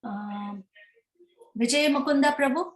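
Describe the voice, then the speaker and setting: A woman's voice: high voice, unhurried, echoey room. A woman moderating an online meeting, politely calling on each participant by name in brief phrases. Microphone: video call.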